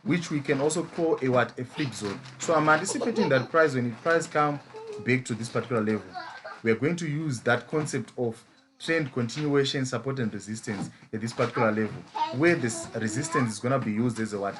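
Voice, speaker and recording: In a mid-range voice that runs a little fast, a man from Zimbabwe explains chart patterns in a live trading lesson, his Zimbabwean English accent clear despite background noise. The mentor habitually poses rhetorical "as a what?" questions.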